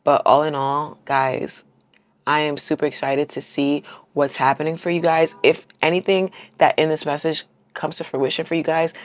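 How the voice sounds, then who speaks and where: A woman's voice: sits low, little pitch movement, moderate pace. Encouraging woman giving a tarot reading. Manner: encouraging, affirming, keeps asking "right?"; heartfelt, close to tears at times. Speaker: tarot reader. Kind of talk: casual collective tarot reading.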